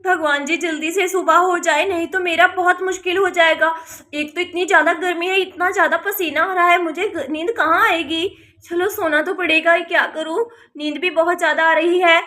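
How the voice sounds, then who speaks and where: A woman's voice: very high-pitched, steady tone, normal speed, few pauses, pushed and bright. A woman voicing Sita, a frightened young city woman who shrieks and pleads. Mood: weary.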